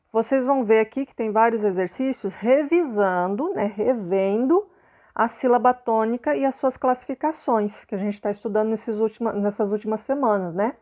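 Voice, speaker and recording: Woman, Brazilian Portuguese accent, primary teacher, patient explaining, fairly high voice. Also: a little mellow. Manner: patient, repeats points, checks in with "né?" and "ok?". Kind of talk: explanatory video lesson.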